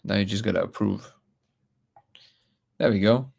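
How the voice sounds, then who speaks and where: A man's voice: fairly low pitch, fairly even intonation, measured pace, vocal fry, darkish tone, slightly rough. A man from Russia hosting a live stream, reading comments aloud and talking bluntly with frequent restarts.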